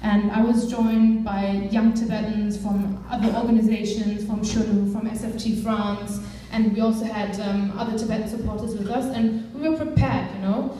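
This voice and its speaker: A young woman from Germany, working as a campaigns director, speaks earnestly to a live crowd with many fillers. Her voice is warm and medium-pitched, steady, at a normal speed with few pauses. The mic is far away in a large echoey hall, and there is slight background noise.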